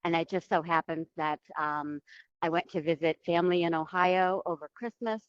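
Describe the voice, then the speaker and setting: A woman's voice: on the low side, fairly even intonation, moderate pace, no room sound. Woman on a muffled phone speaker. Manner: hesitant, with many ums. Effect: heard over a phone speaker. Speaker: library board candidate. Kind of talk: remote interview answers. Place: airport. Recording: muffled lo-fi call audio.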